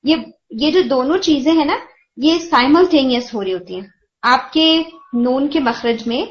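Patient woman giving recitation feedback. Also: sits high. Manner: patient, explanatory, mixes English terms. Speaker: Quran recitation teacher. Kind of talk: tajweed feedback lesson. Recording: dull lo-fi audio with faint hiss.

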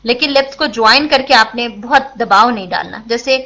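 A woman gives a patient tajweed lesson, her voice high and very bright. She asks and answers her own questions and checks that listeners follow. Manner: patient, explanatory, mixes English words into Urdu. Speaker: Quran recitation teacher. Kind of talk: tajweed lesson, explaining and demonstrating.

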